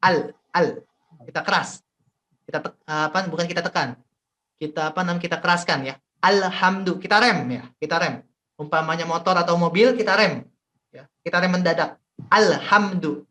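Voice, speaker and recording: A man with an Indonesian accent teaching Quran recitation in an online class, explaining slowly with many fillers and repetitions over a video call. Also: fairly high pitch, pushed and bright.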